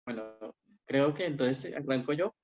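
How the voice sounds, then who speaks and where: A man's voice: a little high, unhurried. A man, a student politely introducing himself over a video call. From Colombia. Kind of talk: brief self-introduction. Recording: dull distant call audio, faint noise.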